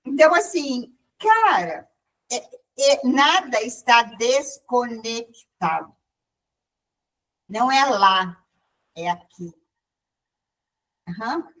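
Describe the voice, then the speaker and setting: A woman with a high voice recounts a spiritual experience in a relaxed, conversational way. She keeps restarting her sentences and acts out other people's words as she goes. She sounds set back from the microphone. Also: takes it slowly, long pauses, far from the mic, low-quality recording. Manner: storytelling with many restarts and quoted dialogue. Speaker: participant in a spiritual group meeting. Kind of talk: casual spiritual testimony.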